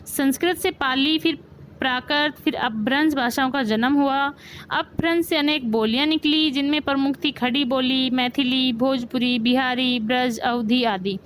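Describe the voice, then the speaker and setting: A woman's voice: high voice, fairly even intonation, moderate pace, fairly bright tone, slight background noise, rough recording. A woman teacher, giving a grammar lesson and asking the class questions, then repeating the key points. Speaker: school teacher.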